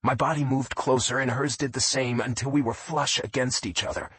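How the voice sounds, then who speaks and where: Husky male romance audiobook narrator. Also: fairly even intonation, a little fast, a bit bright, no echo. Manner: low, intimate first-person reading.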